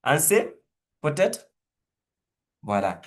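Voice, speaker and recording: Slow-speaking man teaching a webinar. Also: a little high, sing-song. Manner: slow, hesitant, thinking aloud with repeated words. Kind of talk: teaching webinar, demonstrating a word game.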